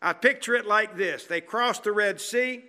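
Male preacher, high and bright, slow dramatic delivery, sinks to a soft hush for emphasis. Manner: dramatic, animated storytelling with rhetorical questions; drops to a quiet, slow, low voice for emphasis. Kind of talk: sermon.

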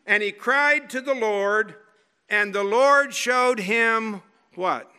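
Dramatic, bright-voiced male preacher. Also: clean tone. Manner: dramatic, animated storytelling with rhetorical questions; drops to a quiet, slow, low voice for emphasis. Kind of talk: sermon.

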